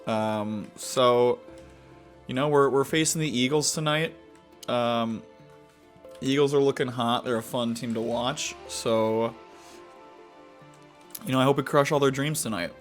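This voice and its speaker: Young male gaming host, mid-pitched, meandering chat full of ums and restarts, soft music behind. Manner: rambling, halting, many fillers and restarts. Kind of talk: casual gameplay commentary.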